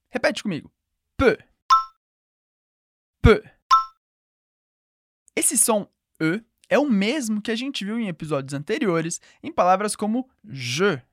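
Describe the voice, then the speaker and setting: A woman teaching a podcast language lesson, patiently repeating words slowly for listeners to echo. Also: medium pitch, studio quality.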